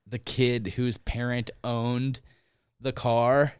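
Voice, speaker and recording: Animated young man telling a story. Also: medium pitch, slow, smooth, no echo, studio quality. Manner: animated, acts out quotes, swears. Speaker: podcast co-host. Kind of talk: casual storytelling chat.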